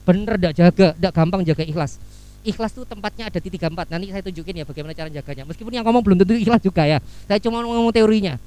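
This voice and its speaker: A man preaching a lively sermon, acting out little scenes as he tells stories. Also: sits high, racing, clear, resonant tone, rough recording. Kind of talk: lively sermon with Javanese asides. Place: office hall.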